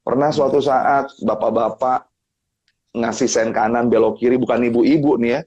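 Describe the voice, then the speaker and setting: A man talking casually as a guest on a family live stream, telling animated stories and acting out other people's lines with big jumps in his voice. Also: mid-range voice, moderate pace, husky. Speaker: guest speaker on family topics. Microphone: live-stream mic.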